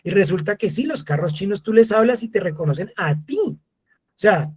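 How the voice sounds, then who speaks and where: A man in his thirties lectures a live masterclass audience. His voice sits a little high and has a husky edge. He talks in an animated way and acts out short exchanges with voice assistants. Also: normal speed.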